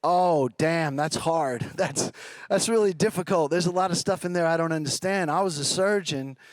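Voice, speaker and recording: A man's voice: a little high, normal speed, no echo. A man giving a live conference talk, chatting with the crowd and asking the audience questions. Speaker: conference speaker. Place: large event venue with a live audience.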